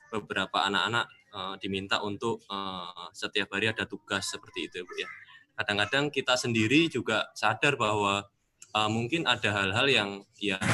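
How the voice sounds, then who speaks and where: A man asks his question haltingly and gropes for words, his low voice bright and forceful. A faint noise sits under the video-call audio. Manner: hesitant, many fillers. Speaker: parent asking a question. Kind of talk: webinar question.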